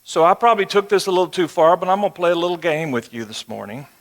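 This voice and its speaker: This West Texas man in his sixties talks fast in an expressive, high-sitting voice with a twang. Teaching a Bible lesson, he keeps it folksy and conversational, checking in with rhetorical questions to a live audience, his speech amplified in a large, reverberant room or auditorium.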